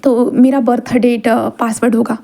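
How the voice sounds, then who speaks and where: A woman's voice: a little high, flat delivery, unhurried, gravelly, dark tone. Woman doing a breezy young girlfriend on the phone.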